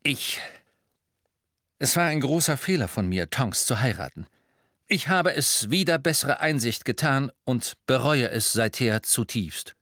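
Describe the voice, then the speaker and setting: A man's voice: mid-range voice, lively intonation, unhurried, fairly bright tone, dry recording, studio quality, pitched above the performer's own voice. A man reading an audiobook and voicing a weary, guarded middle-aged male werewolf teacher who talks in a tense, insistent way. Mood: anguished.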